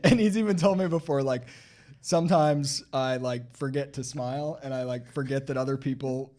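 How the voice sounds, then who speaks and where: A man's voice: medium pitch, moderate pace, darkish tone. A middle-aged man co-hosting a podcast, easygoing and self-deprecating, laughing between points. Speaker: podcast co-host. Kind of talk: casual chat.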